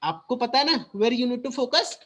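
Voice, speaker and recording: A man with an Indian English accent teaching a school class, switching between Hindi and English and explaining slowly and deliberately. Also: very high voice, sing-song, fairly bright tone.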